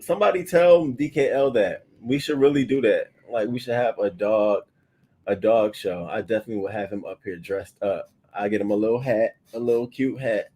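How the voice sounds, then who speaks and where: A man in his thirties hosting a livestream morning show, chatting loosely with profanity and sudden loud bursts into a webcam mic. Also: medium pitch. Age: 30s. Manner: loose, profane and animated, often bursting louder. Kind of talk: casual livestream chat.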